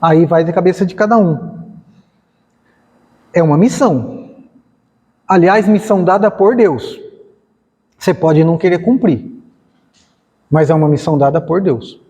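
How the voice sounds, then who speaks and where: Speaking at a measured pace with frequent pauses, a man with a fairly high, darkish voice gives a spiritist center lecture. He talks conversationally, acts out dialogues, and asks rhetorical questions, all in a long hall reverb.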